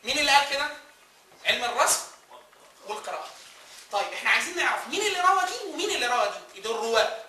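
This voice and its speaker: Here the lecturer's very high voice swings widely in pitch, coming in rapid-fire bursts broken by long pauses, with a sharp edge. He has an Egyptian Arabic accent and keeps quizzing the class before supplying the answers himself, recorded from afar in an echoey room with a little hiss or hum.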